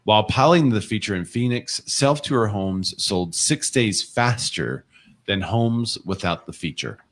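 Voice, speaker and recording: A man's voice: fairly low pitch, expressive, measured pace. A man co-hosting a casual real estate livestream, chatting and reading viewer comments and news articles aloud. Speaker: co-host of a real estate show.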